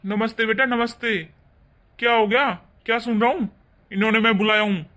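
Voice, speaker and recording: A woman voicing a calm, formal middle-aged father-in-law in a cartoon story, speaking slowly and steadily. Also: on the high side, natural voice.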